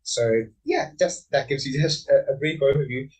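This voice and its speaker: A man's voice: mid-range voice, moderate pace, a little mellow, slightly rough, recorded from a distance, poor audio. An Australian man speaking on a conference panel, thoughtful, with many fillers and restarts.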